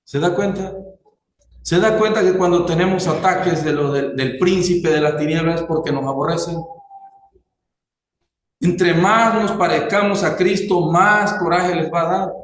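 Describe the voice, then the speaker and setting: A man preaching a sermon slowly and deliberately, putting questions to his congregation. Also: on the high side, reverberant, low-quality recording.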